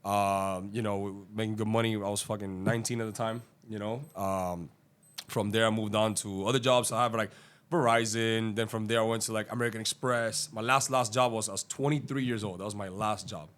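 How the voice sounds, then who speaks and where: On a podcast, a guest from Cuba who works as a day trader chats about his career in a fairly low, fairly bright voice with fairly even intonation. He's profane and rambling, talking quickly and packing in fillers.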